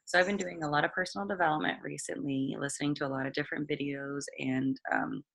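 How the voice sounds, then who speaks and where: A young woman with a raspy voice giving a casual motivational training talk to her team, chatty with many pauses and restarts. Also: deep voice, steady tone, a bit bright.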